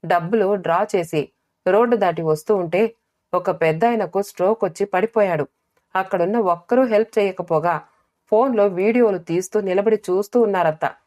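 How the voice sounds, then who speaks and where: A woman's voice: fairly low pitch, a little mellow, lightly acted. A woman voicing an earnest young younger sister explaining herself to her family.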